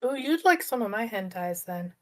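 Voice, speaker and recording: A woman co-hosting a podcast in casual chat, relaxed and teasing with her partner. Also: mid-range voice, moderate pace. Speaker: podcast co-host.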